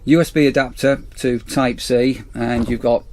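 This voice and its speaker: A man acting as a campsite warden records a casual product review vlog outdoors, trying out a torch on an action camera. His voice is medium-pitched, steady, and a little mellow, at a normal pace, with slight background noise. He's chatty and rambling, often repeating "as I say."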